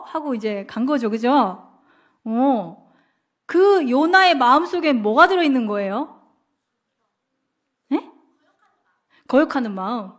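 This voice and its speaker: A woman evangelist teaching a Bible class in a casual, conversational way, constantly asking her listeners questions. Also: fairly high pitch. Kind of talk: interactive Bible lesson.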